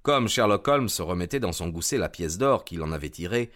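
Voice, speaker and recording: In a low, measured, expressive storytelling voice, a man narrates a classic detective story as an audiobook.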